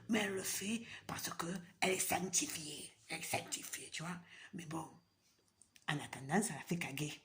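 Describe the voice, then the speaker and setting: A woman ranting to her viewers in a casual monologue, swearing a lot and swinging between loud exclamations and hushed whispers. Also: medium pitch. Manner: swears often, repeats words for effect. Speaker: vlogger.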